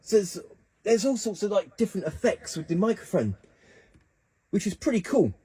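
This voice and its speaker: A man's voice: sits high, sing-song, moderate pace, warm tone, breathy edge. A man hosting a keyboard tutorial, chatting casually and thinking aloud as he works the controls. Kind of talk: casual instructional demo.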